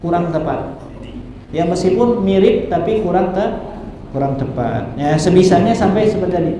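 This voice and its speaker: A man teaches tajwid, stretching out chanted verses and then explaining them. His voice sits high but sounds mellow and dark. It is recorded from across a big, echoing hall with a faint hiss. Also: expressive. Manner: models recitation in slow drawn-out chanting, then explains. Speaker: Quran recitation teacher. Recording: echoey hall, mic far off, faint hiss.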